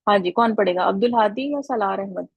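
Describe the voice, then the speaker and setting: A woman's voice: mid-range voice, brisk, husky, dry recording, phone-quality sound. A woman teaching an Arabic grammar lesson online over a video call, patiently calling on students by name.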